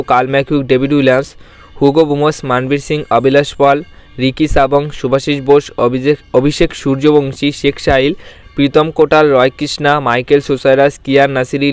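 A man reading long squad lists as a voice-over, stumbling over names with restarts and filler pauses. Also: medium pitch, clean tone, dry recording. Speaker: YouTube sports channel host.

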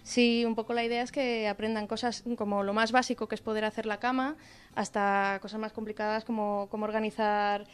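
A woman's voice: on the high side, level tone, a little fast, smooth. A woman with a Spanish accent, explaining her association's work to a radio reporter, with frequent fillers. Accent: Spanish from Spain. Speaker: association social worker. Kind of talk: explaining during a radio visit.

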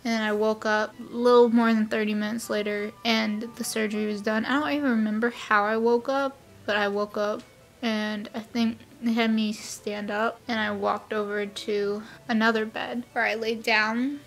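A woman's voice: a little high, flat delivery, moderate pace. Young woman rambling through a casual vlog recap. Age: young adult. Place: dim bedroom indoors.

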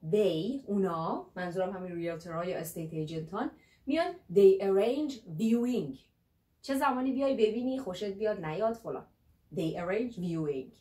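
A young woman teaching an English lesson in a playful, casual way, slowing down for English words. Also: medium pitch, a little mellow, roomy sound. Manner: playful, switches between Persian and slow English.

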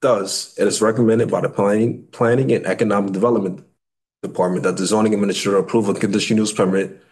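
Male, 30s, American, lowish voice. City planner giving a formal, slightly halting slide presentation. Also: fairly even intonation, darkish tone, rough recording. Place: indoor meeting room at a table.

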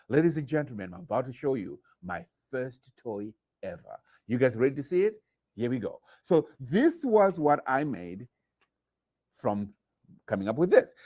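A middle-aged man from Zimbabwe tells children a story in a very lively, sing-song way, jumping high for sound effects and dropping low for asides. The sound is close and dry, recorded in a small studio at a table. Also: dry recording. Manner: animated, playful sound effects, big pitch swings. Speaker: artist and youth presenter. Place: studio with painted backdrop.

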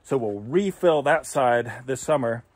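A man's voice: medium pitch, a little slow, dry recording. A man in his forties with an American accent, chatting casually as he walks a homestead tour, filmed outdoors on a phone held at arm's length. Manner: relaxed, chatty, explaining as he goes. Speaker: homestead vlogger. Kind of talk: casual walking tour vlog.

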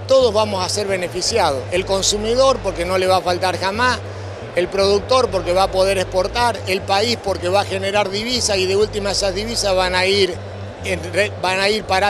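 A man's voice: sits high, noisy background. A man in his sixties with an Argentine accent, giving earnest, explanatory answers in an interview into a handheld microphone. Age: 60s. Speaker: interviewee, agricultural cooperative representative. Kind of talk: on-camera interview. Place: indoor exhibition hall at a farm show. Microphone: handheld microphone held by the interviewer. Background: music.

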